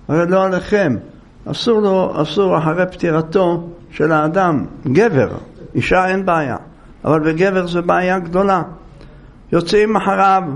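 An older man delivers a religious lecture in a high-pitched voice. He moves between teaching and storytelling, acting out the people in his anecdotes. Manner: storytelling, acting out quoted speech. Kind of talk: Torah lecture to listeners.

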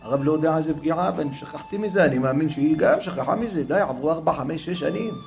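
A man telling a religious story as a preacher, dramatically swinging from hushed murmurs to raised, emotional exclamations. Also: a little high, gravelly, soft background music.

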